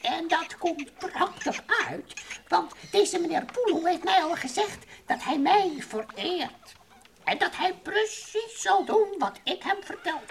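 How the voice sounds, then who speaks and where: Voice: very high voice, vocal fry, fairly bright tone, heavily acted. A performer voicing Professor Kwartje, a haughty, mischievous little alien who chatters grandly in nonsense-peppered speech in a children's radio play. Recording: old radio recording with faint noise.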